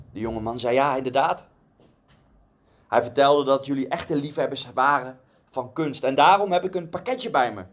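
A man giving a conversational devotional sermon, telling a story earnestly with casual asides. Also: on the high side.

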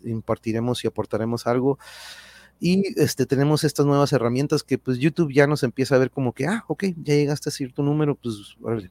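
A Mexican man hosts a livestream in a casual, conversational way. His pitch sits in a normal male middle range, and he speaks in slangy, thankful phrases, addressing his viewers directly. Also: darkish tone, no echo. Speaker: livestream channel host.

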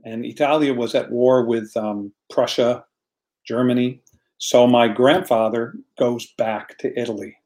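An American man, a guest in a casual online chat, earnestly tells a story, repeating words as he searches for them. His voice is medium-pitched with a darkish tone.

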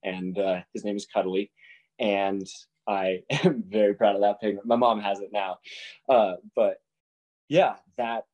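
A young man, a para snowboarder, telling his own story in a casual, lively way and acting out what people said. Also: fairly low pitch, a little slow, long pauses, muffled recording. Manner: casual, animated retelling with voiced quotes. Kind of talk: personal storytelling talk.

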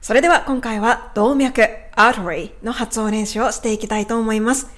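A woman hosting an educational radio lesson as a pronunciation coach. She explains politely and repeats words slowly. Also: a little high, fairly bright tone.

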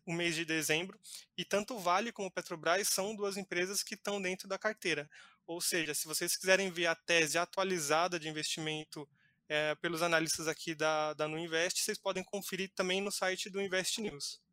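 A man with a high, bright voice talks through stock-market news as an investment analyst. He explains patiently, circling back with fillers and restarts, and the sound is dry and close. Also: steady tone, fairly quick, no echo. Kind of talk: live market commentary.

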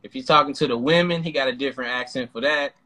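Bright-voiced profane podcast man. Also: mid-range voice, fast. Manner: loud, profane, emphatic. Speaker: podcast co-host. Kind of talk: casual chat.

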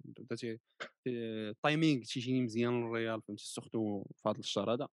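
Very fast-talking man with a Moroccan Arabic accent. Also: medium pitch, steady tone, no echo, studio quality. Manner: mixes French words into speech, repeats phrases. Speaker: football pundit. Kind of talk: casual football chat.

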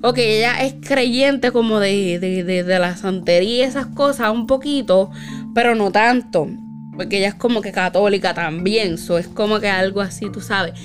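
A woman's voice: mid-range voice, normal speed, soft background music. A woman casually telling a spooky personal story, with lots of fillers and tag questions.

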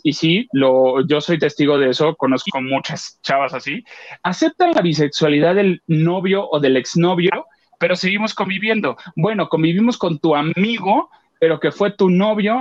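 A man's voice: fairly high pitch, fairly bright tone, dull audio. A man with a Mexican accent chatting on a radio show, telling a story animatedly and acting out the voices of the people in it. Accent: Mexican Spanish. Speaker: co-host. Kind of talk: casual chat, retelling a theater outing.

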